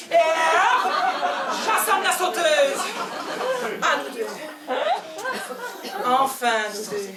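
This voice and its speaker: A woman with a Belgian French accent performing a theatrical stand-up monologue on stage, swinging between loud outbursts and hushed asides. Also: very high voice. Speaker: comedian. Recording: echoey hall, voice from far off, faint ambience.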